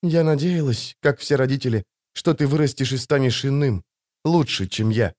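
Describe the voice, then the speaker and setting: A man voicing a calm, worried mother in an audiobook, speaking softly and soothingly. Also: medium pitch, normal speed, lightly acted. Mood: gentle, worried. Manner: soft, soothing. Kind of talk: audiobook character voice.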